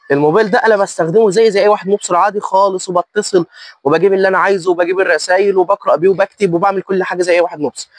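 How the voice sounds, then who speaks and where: A man's voice: high voice, no echo. An Egyptian-accented man giving a casual tutorial as a vlogger, often asking and answering his own questions. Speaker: vlogger demonstrating his phone.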